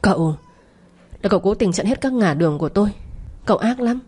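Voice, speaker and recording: A woman's voice: mid-range voice, expressive, a little fast, a little mellow, breathy edge. A woman voicing a scheming, pregnant young mistress who is snappish and bossy on the phone in an audio story. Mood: bitter.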